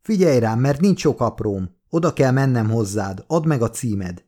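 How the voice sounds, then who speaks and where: A man voicing a wounded young man who speaks in a hurried, pressing way and shouts his demands. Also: medium pitch, expressive, close to an everyday voice. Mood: urgent.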